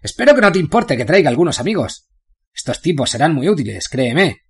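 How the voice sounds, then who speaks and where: A man doing an eager husky prisoner sidekick. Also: fairly high pitch, fairly quick, pitched above the performer's own voice, exaggerated voice. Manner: eager, flattering. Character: cocky fawning male prisoner sidekick.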